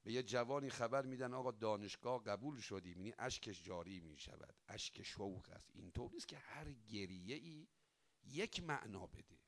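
A man delivering a religious sermon, voice rising loud and sinking soft, drawing out chanted prayers. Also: lowish voice. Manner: dramatic rise and fall, swelling loud then dropping soft; chants quoted prayers with drawn-out emphasis. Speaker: cleric.

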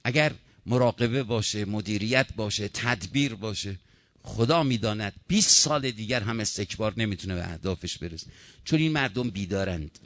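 Impassioned preacher man, bright dry voice. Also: animated, no echo. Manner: impassioned, rising and falling in pitch. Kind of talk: sermon.

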